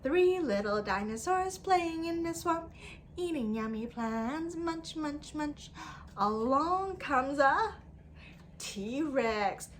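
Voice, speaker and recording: Speaking slowly and expressively in a high voice, a woman runs interactive storytime for young kids, her delivery exaggerated and sing-song. She asks prompting questions and repeats things, and there's slight hiss or hum in the background.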